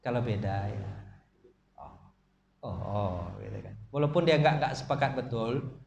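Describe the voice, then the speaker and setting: A man preaching at a mosque study session, telling stories lively and joking with his listeners. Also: on the low side, unhurried, gravelly, dull audio, a little hiss or hum. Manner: lively storytelling, jokes with listeners. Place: mosque hall. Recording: echoey mosque room, faint ambience.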